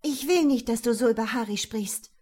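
A high, gushing young bride-to-be in an audiobook, voiced by a woman narrator. Her voice lifts well above the reader's own and pushes louder, girlish and pleading, with a faintly breathy edge. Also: animated, unhurried. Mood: indignant, excited.

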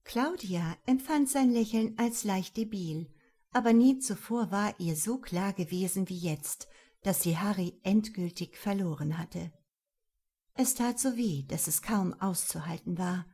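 A woman narrating a novel in an expressive, lively reading voice. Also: medium pitch, measured pace, breathy edge. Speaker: audiobook narrator.

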